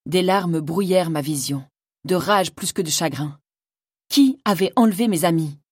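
A woman narrating a fantasy audiobook in the first person, measured and dramatic. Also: lowish voice, husky, dry recording, studio quality.

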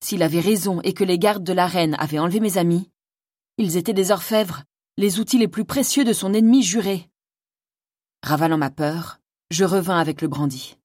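A woman reads a fantasy audiobook in the first person, with a measured, dramatic delivery. Her voice sits fairly low, and the recording is dry and close with no room sound. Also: a little mellow, no echo. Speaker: audiobook narrator.

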